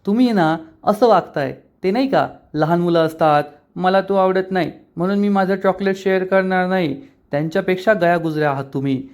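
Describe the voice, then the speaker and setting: A man voicing a defiant, sharp-tongued young woman as he retells a TV episode. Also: high-pitched, brisk, lightly acted.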